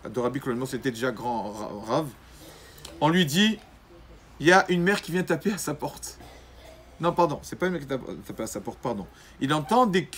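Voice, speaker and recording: Animated man telling a religious story. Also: on the high side, a little hiss or hum. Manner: lively storyteller who acts out quoted voices; pauses to correct himself mid-sentence. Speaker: rabbi. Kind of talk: storytelling Torah lesson.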